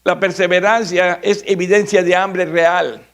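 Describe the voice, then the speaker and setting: A Mexican pastor preaching with a high, gravelly voice. He is dramatic and theatrical, acting out the voices of biblical figures and swinging between loud cries and near whispers. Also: flat delivery, measured pace. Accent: Mexican Spanish. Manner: dramatic, acts out biblical voices, shifts from shouting to hushed. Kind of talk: sermon.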